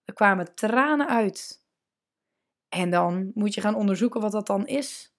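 A woman coach hosting a solo podcast, talking casually and emphatically, slowing down to stress her points and dropping in English words. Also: medium pitch, lively intonation.

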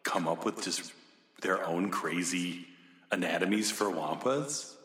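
Male co-host, casual chat, low pitch, bright edge, echoey reverberant room. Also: a little slow. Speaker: podcast co-host.

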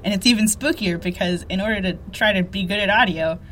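A woman's voice: mid-range voice, fast talker, fairly bright tone, a little hiss or hum. A young woman co-hosting a casual podcast with dry, self-mocking jokes, recorded under a blanket in a small fort. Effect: muffled by blankets, close and dampened. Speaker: podcast co-host. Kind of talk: casual chat.

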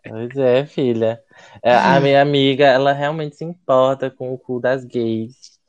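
A man's voice: medium pitch, fairly even intonation, unhurried, clean tone, muffled recording. Homem brasileiro espalhafatoso, jeito de drag queen. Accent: Brazilian. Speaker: podcast co-host. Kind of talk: casual comedic banter.

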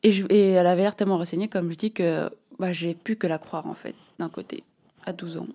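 A woman in her thirties hosting a solo podcast, telling a personal story in an animated, slangy way with lots of fillers. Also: fairly low pitch, fairly quick. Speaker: podcast host. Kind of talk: casual solo podcast monologue.

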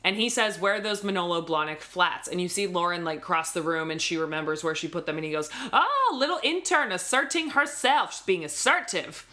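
A woman's voice: on the low side, steady tone, sharp tone. Chatty woman recapping a show. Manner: chatty, narrates scenes with quick quoted asides. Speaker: podcast co-host. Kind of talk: casual recap chat.

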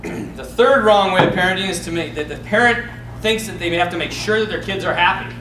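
A man's voice: sits high, fairly quick, pushed and bright. A man, a priest, giving an informal, sermon-like talk on parenting in a rambling, storytelling way, acting out the voices he quotes. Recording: echoey hall, distant mic, background noise.

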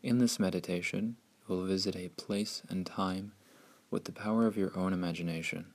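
A man narrating a scripted guided meditation in a soothing, hushed, unhurried way with long pauses. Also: deep voice, fairly even intonation.

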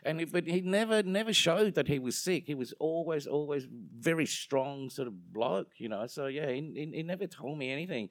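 Being interviewed, a young Australian man jokes around and pokes fun at himself, rambling and veering off on tangents. He sounds animated, on the high side, and a little fast, barely pausing, with no room sound in the recording.

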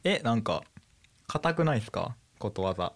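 A man's voice: medium pitch, very animated, moderate pace. A man from Osaka with a Kansai accent, a voice actor chatting casually and easily. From Osaka, Japan. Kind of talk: casual panel chat.

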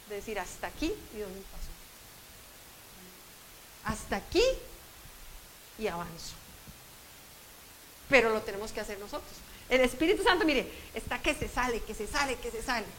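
A woman's voice: fairly high pitch, fairly bright tone, a little hiss or hum, low-quality recording. A woman preaching a sermon at a conference, emphatic and conversational, speaking straight to her listeners. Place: conference hall.

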